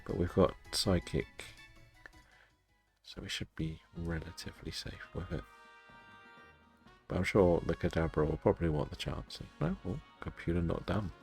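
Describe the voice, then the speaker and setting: A man casually commentating on his game stream and chatting to viewers in a low-key, resigned, self-deprecating way. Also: normal speed, gravelly, long pauses, a little mellow, soft background music. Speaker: live-streaming gamer.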